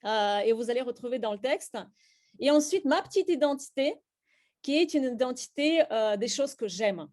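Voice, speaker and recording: A woman's voice: sits high, expressive, normal speed, a little mellow. A middle-aged woman from Russia with a Russian accent, leading a slam poetry workshop and explaining her writing with many hesitant fillers and restarts.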